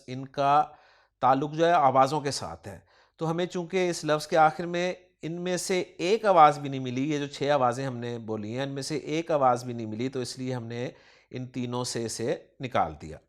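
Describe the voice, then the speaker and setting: A man with a Pakistani Urdu accent teaching Quranic grammar, quizzing his student and praising each answer. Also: medium pitch. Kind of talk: question-and-answer grammar lesson.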